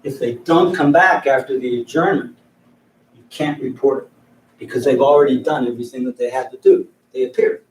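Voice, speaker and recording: A man's voice: mid-range voice, brisk. A man giving an informal mediation training lecture to a group in a room, telling anecdotes and chuckling between his points. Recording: echoey room, mic far off.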